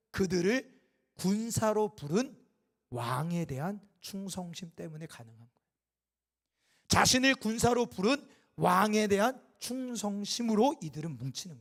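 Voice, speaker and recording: A man preaching a Sunday sermon as a pastor, building to impassioned loud peaks and falling back to quiet, and acting out the dialogue in his stories. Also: high-pitched. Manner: acts out quoted dialogue in the telling. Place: church sanctuary.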